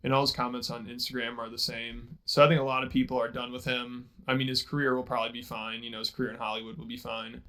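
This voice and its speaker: Host voice, gravelly and monotone, matter-of-fact narration. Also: male voice, medium pitch, quick pace, hardly any pauses, low-quality recording. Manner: matter-of-fact, reads out viewer comments. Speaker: channel host. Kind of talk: scripted video narration.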